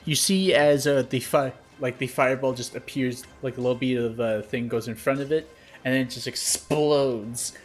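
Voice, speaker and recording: Young male game master, casual descriptive narrator, mid-pitched, filler-heavy. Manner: loose, descriptive narration full of "like". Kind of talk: narrating a tabletop game over voice chat.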